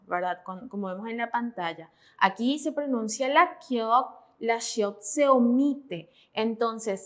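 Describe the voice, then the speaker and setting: A woman's voice: a little high, a bit bright. A woman teaching Korean pronunciation in Spanish, methodical and often checking in with her students. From Paraguay. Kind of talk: classroom explanation.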